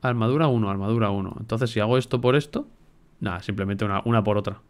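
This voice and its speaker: Swearing, excitable gameplay streamer man. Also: fairly low pitch, fast talker, clear, resonant tone. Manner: excitable, swears a lot, talks to himself. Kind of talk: casual gameplay commentary.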